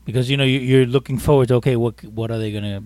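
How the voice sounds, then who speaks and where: A man's voice: mid-range voice, fairly even intonation, racing, a little mellow, no echo. A young man co-hosting a wrestling podcast, teasing and cutting in with jokes in casual banter. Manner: teasing, interrupting. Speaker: podcast co-host.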